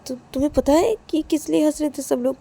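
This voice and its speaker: Brief: woman putting on a scolding young wife, high and gravelly, repeats her words. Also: fast talker, mellow. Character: young wife, quick to argue and to apologise. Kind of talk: storytelling with acted dialogue.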